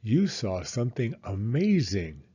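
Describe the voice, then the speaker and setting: A man plays a fond mother pig from a children's storybook. The delivery is patient and unhurried, gently explaining, with a slightly dull sound. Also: mid-range voice, sing-song, slightly rough. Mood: fond reminiscing.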